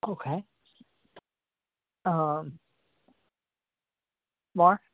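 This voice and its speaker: Slow-spoken woman passing the turn. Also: sits low, no room sound, highs cut off. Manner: brief, passes the turn around. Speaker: co-host. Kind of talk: political panel talk.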